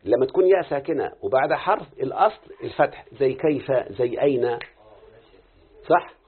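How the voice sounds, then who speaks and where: An Egyptian man leads a live lesson, explaining grammar quickly and breaking off often to ask whether his student understands. His voice is husky, and the recording is thin and tinny, like a phone line. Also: medium pitch, lively intonation. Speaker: teacher of Quranic readings and grammar.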